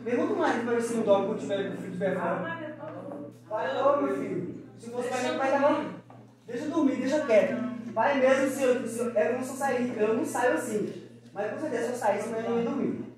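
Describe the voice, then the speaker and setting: A man's voice: very high-pitched, fast. A man giving an informal motivational talk to mothers at a school. He speaks in a chatty way and acts out little family dialogues. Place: large school hall with an audience. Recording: very echoey hall, mic far off, crowd.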